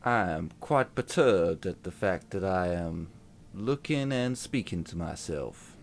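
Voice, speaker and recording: A man playing a stern, dutiful soldier in a tabletop game, speaking formally and deliberately, with faint background noise. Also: low-pitched, animated, heavily acted. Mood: firm, dutiful. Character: Magnus, stern dutiful male soldier, loyal and haunted.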